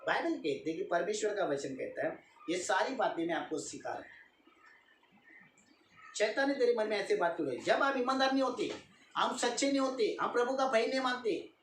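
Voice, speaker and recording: A man's voice: high voice, big pitch swings, fairly quick, fairly bright tone. A man preaching a sermon as a pastor, repeating his points emphatically and asking the congregation questions. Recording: echoey room, voice from a distance, faint hiss.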